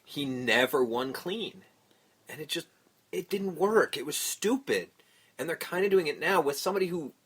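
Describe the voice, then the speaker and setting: A man's voice: fairly high pitch, lively intonation, normal speed, a bit bright, slightly rough. A man co-hosting a podcast in casual chat, blunt and opinionated, swearing often, and stuffed up. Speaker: podcast co-host.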